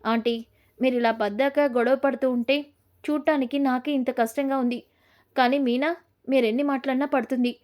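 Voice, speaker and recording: A woman's voice: high-pitched, fairly even intonation, normal speed, a little mellow, natural voice. A woman doing an outspoken young daughter-in-law. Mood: reproachful. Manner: reproachful.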